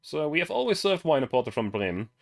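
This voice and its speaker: A man's voice: fairly high pitch, sing-song, vocal fry, voice pushed up. A German-accented man voicing a polite, strained bartender, over faint music. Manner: polite, measured.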